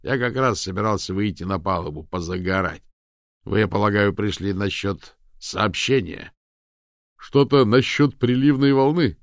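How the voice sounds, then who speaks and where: A man's voice: lowish voice, normal speed, dry recording, clean studio sound, lightly acted. A man voicing a suspicious, dryly ironic ship captain in a storybook reading.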